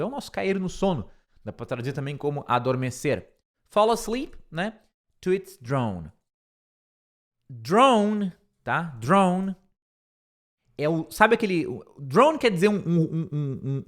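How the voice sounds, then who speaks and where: A man explaining English vocabulary in an online lesson. His voice sits a little high and moves up and down a lot. He repeats each word slowly and often checks that the listener is following. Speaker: English teacher.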